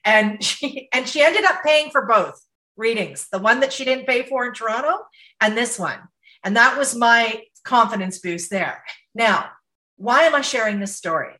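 A woman who works as a psychic medium, telling a story to her podcast co-hosts in a lively, casual way, laughing now and then. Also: on the high side, normal speed, poor audio. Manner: animated, laughs while telling stories.

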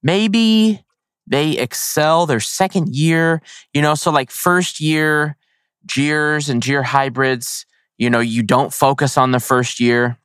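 A man's voice: fairly high pitch, slow, fairly bright tone, clear, resonant tone, dry recording, studio quality. A man hosting a casual chat in an informal, slangy and encouraging way. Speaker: host.

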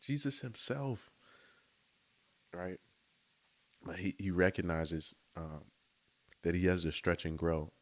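A man with a notably low, deep voice gives an eager, easygoing faith talk. He speaks outdoors in a chatty tone and keeps checking in with his listeners. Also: little pitch movement, unhurried, pauses often. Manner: enthusiastic, conversational, often says "right?" and "y'all". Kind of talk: casual devotional talk.

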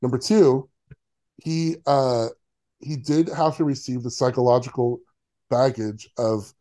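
A man's voice: medium pitch, fairly even intonation, unhurried, mellow. A man co-hosting a podcast, chatting casually in a sarcastic, opinionated way with many fillers. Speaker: podcast co-host. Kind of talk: casual chat.

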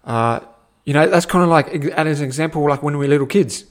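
A young man gives a casual motivational talk as a personal growth teacher, animated and repetitive, often saying "my friend". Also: on the high side, fairly quick. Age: young adult.

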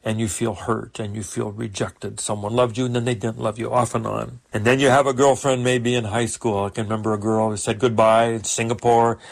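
A man's voice: medium pitch, level tone, fairly quick, creaky, hardly any pauses. An older man, a pastor, preaching a sermon with earnest, emphatic rises.

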